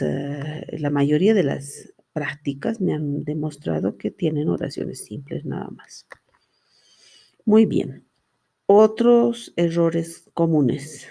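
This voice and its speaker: A woman's voice: deep voice, vocal fry, warm tone, breathy edge. A middle-aged woman giving a university lecture on spelling, explaining step by step and asking rhetorical questions she answers herself. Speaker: university language teacher. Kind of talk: lecture reviewing student assignments.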